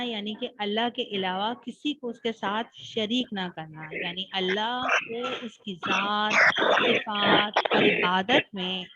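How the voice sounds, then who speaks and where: A woman teaching an online class and reading slowly and deliberately, her voice crackling and distorted from a faulty mic. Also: medium pitch, dull audio. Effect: crackling distorted audio from a faulty mic. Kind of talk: online religious class lesson. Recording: crackly online call with loud static.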